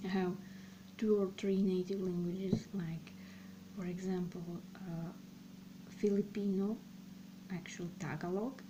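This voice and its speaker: The host of a language channel, a young woman from Serbia who speaks Slovak and Serbian natively, delivers casual personal vlog talk in a medium-pitched voice. She speaks slowly and haltingly, pausing a lot as she thinks out loud, with clear background noise in the recording.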